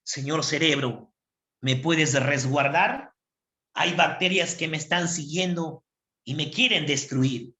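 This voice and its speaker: A man playing a greedy, boastful macrophage cell in a classroom story, smacking its lips over its prey. His voice is bright and forceful, with a roomy echo. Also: a little high, takes it slowly. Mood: scared. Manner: gluttonous, boastful.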